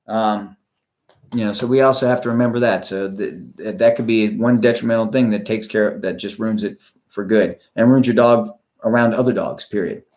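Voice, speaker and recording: A man's voice: mid-range voice, a little mellow. A middle-aged man talking about dog training in a casual, rambling way, blunt and plain-spoken, with many restarts and fillers. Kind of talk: casual talk, like a live stream.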